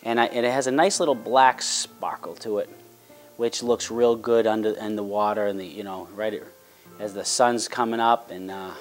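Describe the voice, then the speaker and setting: Soft background music plays under a fairly low, steady male voice moving at normal speed. He's a middle-aged dad hosting a hunting and fishing show, casually explaining things to his family and the camera with folksy, encouraging barbecue-dad warmth.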